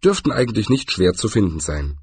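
A man's voice: lowish voice, sing-song, fairly quick, darkish tone, breathy edge, dry recording, exaggerated voice. A man voicing a nervous, put-upon male wizard who talks in a hesitant, wary way in an audiobook. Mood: musing.

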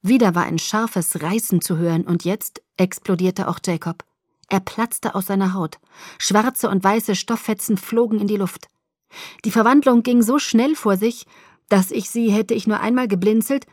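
Woman audiobook narrator, expressive storytelling, mid-pitched voice, dry close recording. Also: no echo. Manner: expressive first-person storytelling. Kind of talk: scripted narration.

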